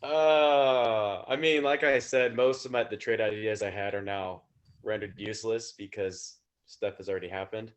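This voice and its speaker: A man's voice: fairly low pitch, fairly even intonation, normal speed, clean tone. A young man co-hosting a casual sports podcast, hesitant and thinking aloud. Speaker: podcast co-host.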